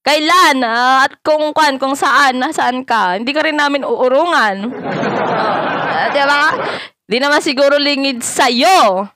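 A woman vlogger in a casual reaction vlog, teasing and mocking, laughing loudly and often and switching between Tagalog and broken English. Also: sits high, slow pace.

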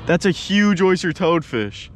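A young man filming himself fishing from a kayak outdoors on an action camera, talking in excited slangy bursts. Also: high voice, a little slow. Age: young adult. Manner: hyped, slangy exclamations. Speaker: fishing vlogger. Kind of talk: excited casual chat on the water. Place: kayak on open water outdoors. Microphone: action camera on the boat. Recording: outdoor noise from wind and water.

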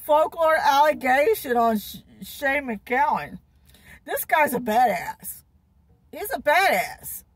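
Sitting in a parked car, a middle-aged woman vlogger tells a rambling story, swearing heavily, laughing often, repeating herself and gesturing a lot. Her voice is high and sing-song at a slow pace, captured dry and rough on a phone camera held at arm's length.

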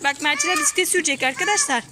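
Young mother, family vlog host, very high voice, teasing and theatrical with kids, outdoor street, phone mic, heavy background noise. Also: sing-song, racing. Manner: playful, mock-dramatic cries for help, coaxing children. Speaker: mother filming her son and his friends. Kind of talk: casual family vlog narration. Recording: noisy outdoor phone recording.

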